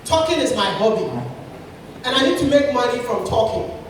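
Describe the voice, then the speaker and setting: A man giving a lively motivational talk to an audience, animated, repeating himself and laughing often. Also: very high voice, moderate pace, a little hiss or hum. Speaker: speaker at a creators' session. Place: indoor event room with audience. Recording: echoey event hall, from far off.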